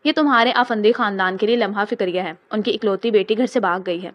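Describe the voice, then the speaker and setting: A woman's voice: mid-range voice, dry recording, natural voice. A woman voicing a cruel, vengeful man of about thirty who speaks with cold contempt. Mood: menacing.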